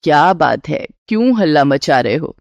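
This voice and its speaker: Woman playing a middle-aged mother-in-law, lower voice, calm and motherly, dry close sound. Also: normal speed, gravelly, no echo, exaggerated voice. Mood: reassuring. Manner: calm, motherly, matter-of-fact. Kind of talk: storybook character voice.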